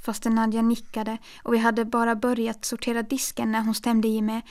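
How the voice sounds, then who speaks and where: A woman narrating a first-person story with a calm, even delivery. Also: a little high. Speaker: audiobook narrator.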